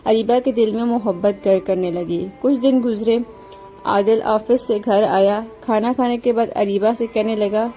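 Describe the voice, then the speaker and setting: Woman storyteller, calm scripted narration, mellow voice, faint background music. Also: medium pitch.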